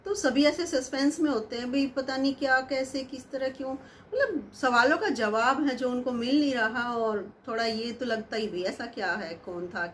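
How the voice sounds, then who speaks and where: A woman's voice: on the high side, moderate pace, a little hiss or hum. A woman casually telling a story, chatty and musing aloud as she goes.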